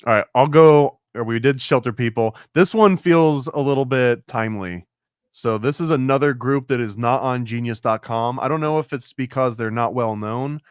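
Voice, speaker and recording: A man's voice: mid-range voice, normal speed, clean tone, no room sound. Chatty man with a dry, close voice. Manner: rambling, chatty, laughs often, filled with "like". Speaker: podcast co-host. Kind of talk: casual podcast chat.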